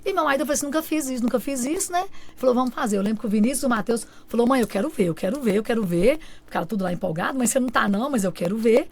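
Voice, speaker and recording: A woman's voice: fairly high pitch, rapid-fire, hardly any pauses. A woman telling an emotional personal testimony on a radio show, animatedly acting out what family and friends said. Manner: animated, often acts out the quoted lines of family and friends. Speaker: guest giving a testimony. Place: radio studio.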